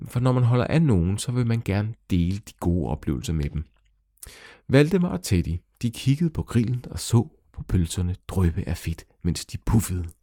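Animated man telling a children's story. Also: dry recording, clean studio sound. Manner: lively, animated storytelling with sudden pitch jumps.

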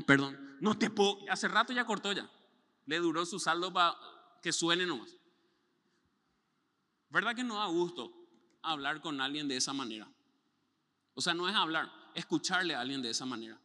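Animated pastor with bright, high voice. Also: male voice, in a large hall. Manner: animated storytelling with mimicked sounds and voices. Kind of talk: sermon.

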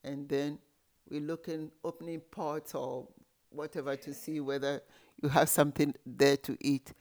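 A man with a fairly high-pitched voice tells stories from his childhood. He explains things in an animated way and drops in many small asides as he goes. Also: normal speed. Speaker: guest. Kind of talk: storytelling in an interview.

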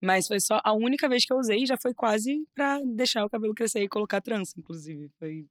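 Lively Carioca woman chatting, dry sound. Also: medium pitch, a little fast, dry recording. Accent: Carioca Brazilian Portuguese. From Rio de Janeiro, Brazil. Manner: lively, laughs often, restarts phrases. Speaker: guest model. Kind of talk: casual interview chat.

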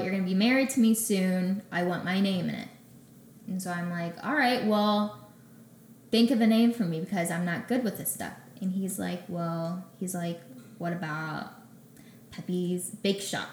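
A young woman with a slightly low voice tells her story on an interview show and acts out each exchange as she goes. The recording sounds roomy and echoey, with a faint background hum. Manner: animated, acts out conversations in quick back-and-forth. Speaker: podcast guest, small bakery founder.

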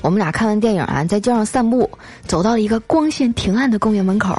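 Lively woman telling funny stories. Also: medium pitch, slightly rough. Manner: lively, drawn-out "啊" fillers between phrases. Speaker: storyteller host. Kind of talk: scripted comic storytelling.

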